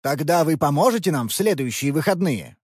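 Woman doing a tired sorry dad from a kids' audiobook, low and subdued, a bit breathy, lively pitch. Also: a little fast, dry recording, studio quality. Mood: regretful. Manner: lowered, subdued, apologetic tone. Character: weary regretful middle-aged father. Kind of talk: audiobook character voice.

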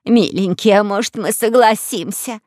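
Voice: mid-range voice, normal speed, a little mellow, no room sound, clean studio sound, lightly acted. A reader voicing a fussy, protective middle-aged queen in an audiobook, doting and indignant. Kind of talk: audiobook character voice.

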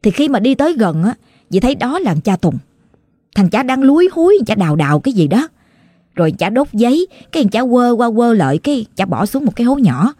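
A woman with a Southern Vietnamese accent tells a ghost story as if chatting with a friend, full of exclamations. Her voice is dark and mellow, and the recording is dry and close. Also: a little high, very animated, fast, slightly rough, dry recording.

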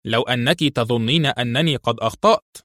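A man's voice: mid-range voice, fairly quick, a bit bright, no room sound, clean studio sound, natural voice. A man voicing an ill-tempered general who speaks harshly and growls. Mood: gruff, angry.

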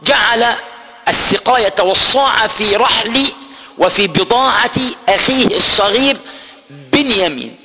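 A man gives a lesson on scripture, retelling the story, explaining the old words and chanting verses slowly. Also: sits high, lively intonation, bright, forceful tone, big-room sound, slight background noise. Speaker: Quran teacher. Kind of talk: Quran exegesis lesson.

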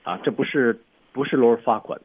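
A man on a studio radio program explains English film dialogue by picking out each line's stressed words and tones. He has a medium, slightly rough voice with fairly even intonation and a moderate pace, heard with phone-like quality.

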